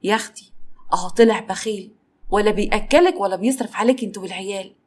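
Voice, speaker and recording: A woman's voice: mid-range voice, quick pace, close to an everyday voice. A woman with an Egyptian accent voicing an older widowed mother who lectures her daughter with reproach. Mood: reproachful.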